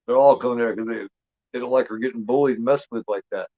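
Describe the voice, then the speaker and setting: A man's voice: medium pitch, fast, dry recording, highs cut off. A man of fifty talks casually and rambles, repeating himself with lots of fillers and the odd curse. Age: 50s. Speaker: host. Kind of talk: casual watch-along commentary.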